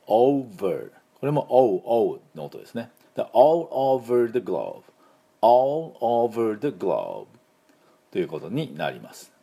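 A middle-aged man, a native Japanese speaker, teaching English pronunciation and slowly drilling words for learners to repeat. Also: on the low side, mellow, husky. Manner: slow, drilling repetition of words. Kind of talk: pronunciation lesson.

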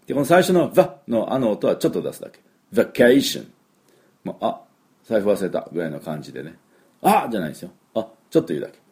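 Deep-voiced man teaching English pronunciation. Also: wildly swooping pitch, mellow. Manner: chatty, with drawn-out fillers and repeated model words. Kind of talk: spoken English pronunciation lesson.

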